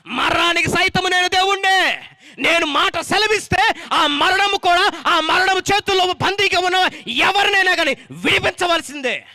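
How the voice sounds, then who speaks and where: A preacher speaking as a commanding Jesus. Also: male voice, very high voice, moderate pace, no echo, clean studio sound, pitched above the performer's own voice, exaggerated voice. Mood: proclaiming. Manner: loud, proclaiming. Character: commanding almighty Jesus, calm and forceful.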